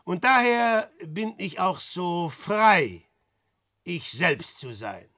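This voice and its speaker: An actor playing Peer Gynt, a vain, self-serving rich adventurer, declaiming in a classic radio play. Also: male voice, high voice, very animated, takes it slowly, pushed and bright, no echo, studio quality, exaggerated voice. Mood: mocking. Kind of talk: classic radio drama acting.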